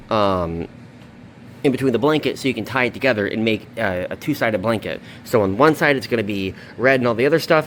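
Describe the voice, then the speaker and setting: This video host is a man running a laid-back craft tutorial vlog from an indoor basement, chatting in a rambling way full of loose asides. His pitch sits in the middle, and a faint hiss or hum runs under the recording.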